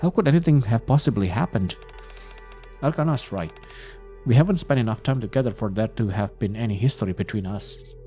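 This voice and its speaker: Casting: a man doing a pensive young woman thinking aloud, in a low, mellow voice. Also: animated, brisk, faint music behind, lightly acted. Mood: musing. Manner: musing, speculative.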